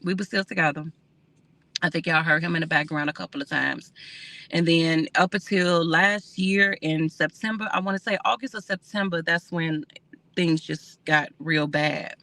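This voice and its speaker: A woman's voice: sits low, normal speed, sharp tone, no room sound. A woman hosting a casual livestream, talking candidly and reading viewer comments aloud.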